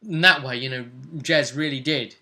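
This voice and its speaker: A male game master tells the story of a tabletop role-playing game in a chatty, conversational way, with frequent tag questions. He speaks at a moderate pace in a bright, forceful mid-range voice.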